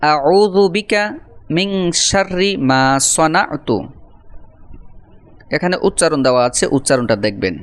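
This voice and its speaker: A man with a slightly high voice teaches a prayer in a religious lesson. He recites each phrase slowly, breaking it apart, then explains what it means. His delivery is patient and instructive. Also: a bit bright. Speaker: Quran teacher.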